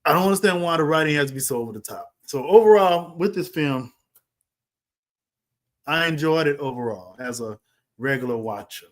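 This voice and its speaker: Animated man ranting through a live film review. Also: on the high side, moderate pace. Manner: animated, exasperated, talks in bursts with restarts. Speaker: livestream host reviewing a film. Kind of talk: casual live reaction commentary.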